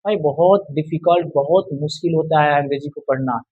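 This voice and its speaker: High-voiced man drilling English rules. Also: a little fast, narrow, tinny audio, a little hiss or hum. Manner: repetitive quizzing, drills answers aloud; addresses viewers as friend and brother. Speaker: English teacher. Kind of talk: casual spoken lesson.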